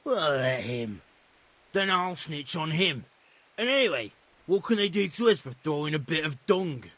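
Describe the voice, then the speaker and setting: A hot-headed young village troublemaker for a video game. He sounds defiant, with a bright, forceful tone and a raspy edge. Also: on the high side, very animated, normal speed, dry recording. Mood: defiant, careless.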